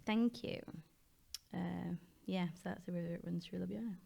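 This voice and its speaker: A woman's voice: lowish voice, steady tone, moderate pace, creaky, dark tone. A woman co-hosting a travel podcast, chatting casually and supplying the practical details in a matter-of-fact way. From United Kingdom.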